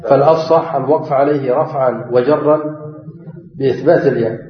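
A man's voice: mid-range voice, steady tone, brisk. A man teaching a grammar lesson, quizzing his students, repeating key phrases and chanting quoted verses and examples. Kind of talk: classroom lesson, reading a text and explaining. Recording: dull, echoey hall with long reverb.

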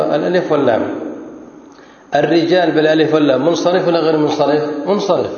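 A man teaching a classroom grammar lesson, quizzing his students with repeated questions. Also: on the high side. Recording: echoey hall, dull lo-fi sound.

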